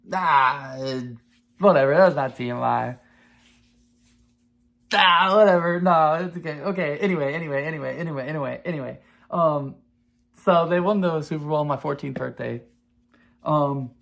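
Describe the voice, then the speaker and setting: A man in his twenties hosting a podcast, talking in a rambling, profane, excitable way in casual sports chat. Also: a little high, creaky. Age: 20s. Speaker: podcast host.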